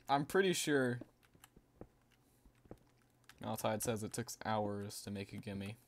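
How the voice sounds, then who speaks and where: Low-voiced chatty male streamer. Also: slow pace, a little hiss or hum. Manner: rambling, chatty, laughs often and reads out chat. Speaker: livestreamer. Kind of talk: casual gaming stream chat.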